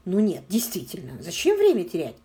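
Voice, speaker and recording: A woman voicing a smooth, haughty aristocratic man with a suave, ingratiating manner. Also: on the low side, wildly swooping pitch, a little fast, mellow.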